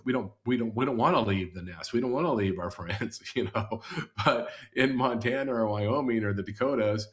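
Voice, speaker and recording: A man co-hosting a podcast, explaining data and charts in a rambling, casual way. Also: on the low side. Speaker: podcast co-host.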